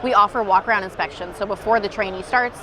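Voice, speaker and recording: A woman's voice: medium pitch, fast, poor audio. Woman demonstrating a product amid crowd noise. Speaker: company representative giving a product demo. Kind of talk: conversational trade-show product explanation. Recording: busy outdoor trade-show crowd noise.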